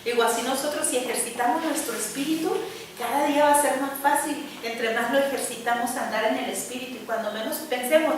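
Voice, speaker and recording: A woman preaches in a high, clear voice, speaking earnestly and conversationally as she keeps checking that her listeners agree. She is heard from some distance, in a very echoey church hall with faint noise behind her. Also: fast talker. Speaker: preacher at a women's gathering. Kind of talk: sermon.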